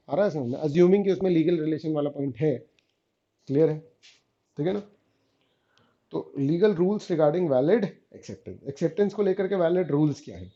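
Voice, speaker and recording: A man's voice: high-pitched, warm tone, lo-fi sound. A man teaching a revision lecture, often stopping to ask the students whether they follow and calling them beta and guys.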